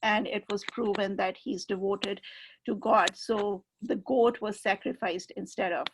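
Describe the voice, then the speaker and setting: Gravelly woman lecturing patiently. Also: mid-range voice, fairly even intonation, a little slow, a little hiss or hum, poor audio. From Pakistan. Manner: patient, explains terms step by step. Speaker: professor giving a presentation. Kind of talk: explanatory lecture.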